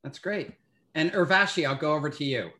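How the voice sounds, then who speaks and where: A man moderating an admissions webinar, explaining in a measured way with frequent fillers. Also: fairly high pitch, pushed and bright.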